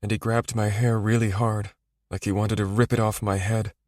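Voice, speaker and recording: A man's voice: lowish voice, level tone, normal speed, a little mellow, dry recording, studio quality, voice pushed up, natural voice. A man voicing a heartbroken young woman about to be married, crying and speaking in a small, breaking voice. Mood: hushed.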